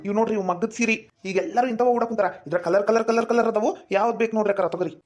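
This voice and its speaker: A woman playing a chatty village saree seller in a comedy skit, with a North Karnataka accent and a persuasive, flattering sales patter. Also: on the high side, racing, lightly acted. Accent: North Karnataka Kannada.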